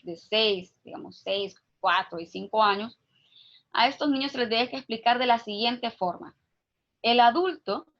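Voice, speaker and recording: A woman giving an online lecture, calm and patient, repeating words for emphasis and often checking in with her listeners. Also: fairly high pitch. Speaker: grief course instructor. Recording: dull lo-fi audio.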